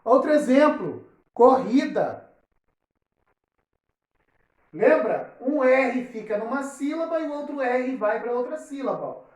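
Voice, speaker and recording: A woman teacher gives a lesson to children, saying example words slowly and checking often that they understand. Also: sits high, expressive, a little mellow. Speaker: primary school teacher. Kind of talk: recorded online lesson. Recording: roomy, echoey recording.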